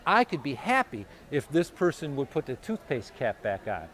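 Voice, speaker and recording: A man giving a live self-help talk at an expo, conversational and animated, acting out his own inner voice. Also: mid-range voice, moderate pace, a little hiss or hum. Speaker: motivational speaker. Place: expo hall or venue.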